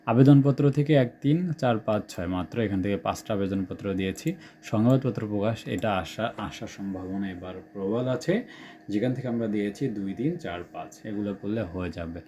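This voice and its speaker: Brief: young male Bangladeshi Bengali tutor, low mellow tone, faint hum behind. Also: normal speed. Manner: reels off numbered question lists, checks in with students often. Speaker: exam-prep teacher. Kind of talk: screen-share exam suggestion walkthrough.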